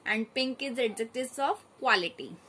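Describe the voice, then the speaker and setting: A woman teacher going through a grammar exercise, reading each sentence and then calmly telling the children which words to underline. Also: fairly high pitch, moderate pace, slight background noise, low-quality recording. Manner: steady, methodical dictation of exercise answers. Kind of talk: grammar lesson, reading out answers.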